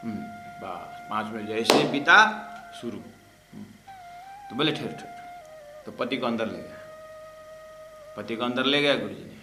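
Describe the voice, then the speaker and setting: A man, a spiritual teacher, telling a humorous story as part of a religious lesson in a jokey, lively way. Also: mid-range voice, normal speed, long pauses, echoey room, music in the background.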